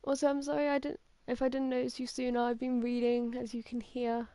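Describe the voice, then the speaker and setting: A woman streamer reading a horror story aloud on a game stream, halting and correcting herself often. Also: on the high side, monotone, mellow, smooth, no echo, soft background music. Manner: halting, with many restarts and self-corrections.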